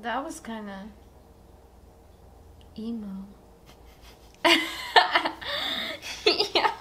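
Woman, slow pace, bright tone, laid-back, faint background hiss. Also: on the high side. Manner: laid-back, short remarks, laughs easily. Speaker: co-host reacting to a music video. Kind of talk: casual reaction chat.

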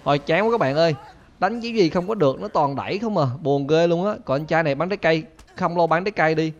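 Young man, gaming commentary, chatty and laughing, raised pitch. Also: fast talker. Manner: chatty, laughing, frequent excited yelps. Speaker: gaming channel host. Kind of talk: excited let's-play commentary. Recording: dull lo-fi recording.

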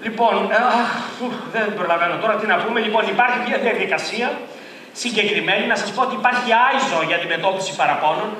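High bright-voiced guy teaching a seminar, loud and animated, mic far off in a really echoey hall. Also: a little hiss or hum. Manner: animated, rising to near-shouts, acts out quotes. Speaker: tourism trainer. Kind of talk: lively seminar talk.

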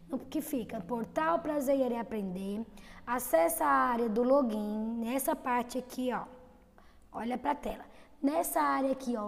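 A woman teaching young children in an online lesson, with a Brazilian accent, stretching out syllables slowly. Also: high voice, a little mellow, in a large hall. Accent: Brazilian Portuguese. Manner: slow, drawn-out syllables for children. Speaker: kindergarten teacher.

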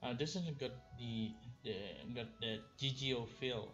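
A man commenting casually as he plays a game, very slowly and hesitantly. His mid-pitched voice comes through a dull mic with game music behind. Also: a bit bright. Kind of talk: casual let's play commentary.

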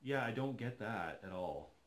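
A man's voice: lowish voice, expressive, measured pace. A man in his thirties chatting casually while unboxing a doll in his living room, enthusiastic and thinking aloud as he goes. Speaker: doll collector vlogger. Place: living room, seated on a sofa.

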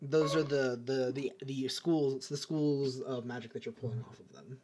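A man's voice: mid-range voice, steady tone, moderate pace, background noise. A young man as game master of an online tabletop game, describing scenes in a rambling way with many restarts.

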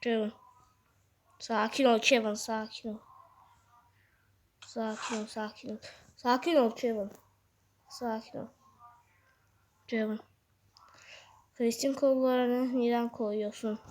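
High-voiced woman calling out gameplay. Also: fairly even intonation, slow pace, pauses often. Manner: talks straight to viewers, yelps commands, drops to hushed asides. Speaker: gaming video host. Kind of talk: excited gameplay commentary.

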